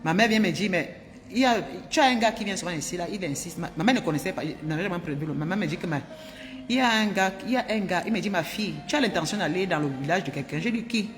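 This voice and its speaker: A woman from Cameroon, telling her viewers a personal story in an animated, emphatic way and repeating herself often. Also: fairly low pitch, fast, in a large hall, music in the background. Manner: animated and emphatic, with frequent repetitions. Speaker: vlogger.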